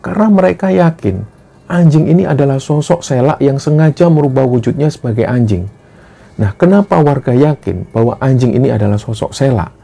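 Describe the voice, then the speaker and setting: A man tells a horror story in a steady, earnest way, often opening a sentence with "nah". His voice is very dark and mellow, with a gravelly, creaky texture, at a mid pitch. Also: fairly quick. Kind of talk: storytelling narration.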